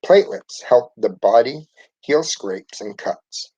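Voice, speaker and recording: A man's voice: mid-range voice, expressive, takes it slowly, a little mellow, breathy edge, no echo, poor audio. A man reading a schoolgirl's lines in a matter-of-fact way in a storybook reading. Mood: plain. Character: informative schoolgirl.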